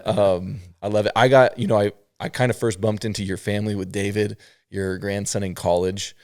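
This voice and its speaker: A man's voice: lowish voice, little pitch movement, fairly quick, darkish tone, no echo, studio quality. A man hosting a casual interview podcast, talking and reading aloud as the host.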